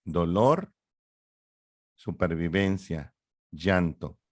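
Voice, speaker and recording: A middle-aged man, a psychologist explaining ideas in an interview in an animated, lecturing way with rhetorical questions. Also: low voice, extremely slow, dry recording, studio quality. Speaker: psychologist guest.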